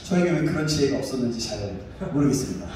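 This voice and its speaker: A male pastor in his thirties preaching a sermon and telling a personal story with animated delivery. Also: mid-range voice, quick pace. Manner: animated storytelling, acts out his own shouting. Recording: echoey room, distant mic, faint noise.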